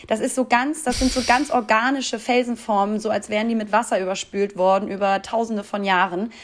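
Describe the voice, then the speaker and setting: A woman's voice: mid-range voice, fairly even intonation, a little fast, a little hiss or hum. A woman from Hamburg co-hosting a podcast in casual, jokey chat, laughing often, recording from a rented holiday room. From Hamburg, Germany. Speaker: podcast co-host.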